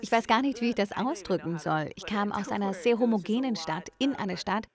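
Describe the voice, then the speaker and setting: A woman's voice: mid-range voice, animated, a little fast. A woman in her early twenties from Nebraska, a singer and songwriter answering interview questions in an earnest, plain-spoken way. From Nebraska, USA. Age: 20s.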